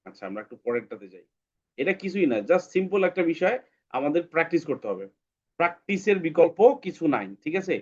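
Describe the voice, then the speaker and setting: A man's voice: on the high side, sing-song, quick pace, muffled recording. A man teaching English phonics, repeating each sound several times for the class. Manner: drills sounds by repeating them many times. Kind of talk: online phonics lesson.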